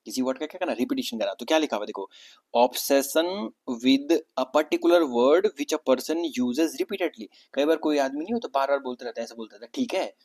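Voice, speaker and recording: A man's voice: medium pitch, animated, normal speed, a little mellow. A young man from Uttarakhand, India, teaching an exam vocabulary lesson, explaining each word with repetition and rhetorical questions. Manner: explanatory, repeats words and asks rhetorical questions.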